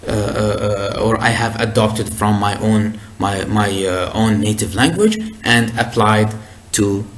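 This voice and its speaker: A man whose first language is Arabic gives a recorded lecture in a fairly low voice. He explains things deliberately, with frequent hesitations and restarts.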